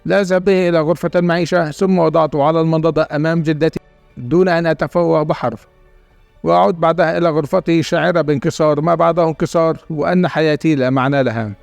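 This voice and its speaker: A man narrating a dramatic first-person story in a steady reading voice. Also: fairly high pitch, fast, gravelly, dry recording, soft background music.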